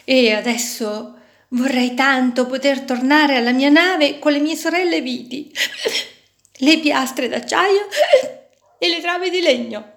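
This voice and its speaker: A woman voicing a little female screw from a ship in a children's story, speaking high, tearful and wistful. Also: slow pace, vocal fry, full character voice.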